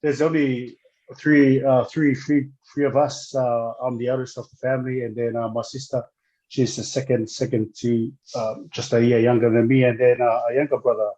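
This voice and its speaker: A man's voice: medium pitch, level tone, normal speed, dark tone. Hesitant man, muffled lo-fi sound. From Samoa. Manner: hesitant, many fillers and restarts. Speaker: guest, former rugby player. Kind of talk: casual interview.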